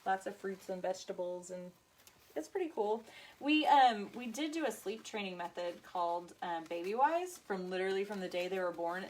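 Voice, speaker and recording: A woman hosts a craft livestream. She chats in a bubbly, easygoing way, reading out viewer comments and talking straight to her audience. Her voice sits at an ordinary pitch for a woman. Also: rough recording. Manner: chatty, bubbly, says y'all, reads out viewer comments. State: tired, busy mother. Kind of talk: casual chat on a live video.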